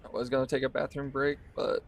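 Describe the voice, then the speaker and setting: A male streamer with a fast, creaky, mid-range voice chats casually with viewers while he plays, relaxed as he talks through every move.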